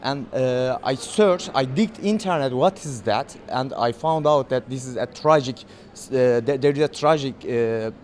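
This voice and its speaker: Turkish-accented man, hesitant and halting. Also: medium pitch, a little mellow, a little hiss or hum. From Turkey. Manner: hesitant non-native English, many fillers and restarts. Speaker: documentary filmmaker. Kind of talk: festival interview.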